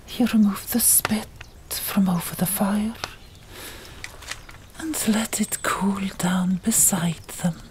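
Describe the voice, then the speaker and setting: Short phrases separated by pauses mark this woman's audiobook narration, delivered in a hushed, deliberate, breathy ASMR whisper. Her voice is mid-range with a steady tone, and there is background noise.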